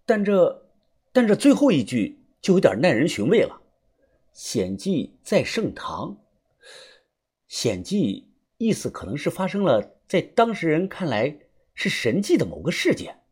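A man's voice: fairly high pitch, normal speed, slightly rough. A man reading a novel aloud in the first person, colloquial and wry. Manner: colloquial and wry, with lively rises. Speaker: audiobook narrator.

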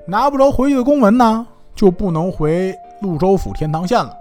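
A man's voice: sits high, brisk, darkish tone, soft background music, lightly acted. A man voicing a shrewd, suspicious male official, pressing hard with questions. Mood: explaining. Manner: pressing, interrogating.

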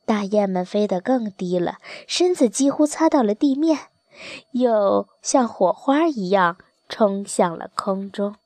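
A woman reading a children's storybook aloud in a gentle, expressive storytelling manner. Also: mid-range voice, measured pace, dry recording. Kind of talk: scripted children's story narration.

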